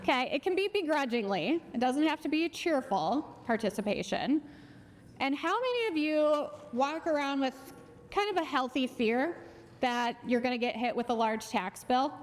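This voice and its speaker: A woman's voice: high-pitched, lively intonation, normal speed, a little hiss or hum. A woman with a Minnesota accent giving a live talk on finances to a conference audience and polling the crowd. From Minnesota, USA. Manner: friendly, asks the crowd questions. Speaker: financial educator and speaker. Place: conference hall. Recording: long reverb of a large hall.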